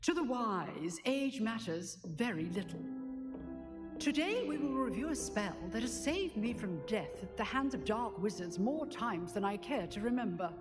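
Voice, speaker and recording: A woman playing a stern, boastful elderly witch professor in a video game, with a crisp, commanding way of storytelling. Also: a little high, lively intonation, normal speed, lightly acted. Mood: proud, dry. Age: older. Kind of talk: video game character acting. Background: music.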